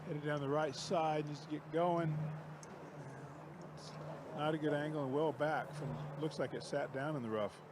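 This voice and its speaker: A man's voice: on the high side, fairly even intonation, normal speed, long pauses. A man giving clipped, practical shot reports as an on-course golf commentator. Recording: noisy outdoor course ambience.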